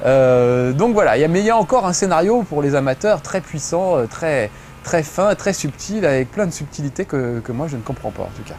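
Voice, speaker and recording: A man's voice: on the high side, expressive, a little fast, a little mellow, slight background noise. A middle-aged man giving joking, chatty commentary while playing a video game, swearing casually. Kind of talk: gameplay commentary.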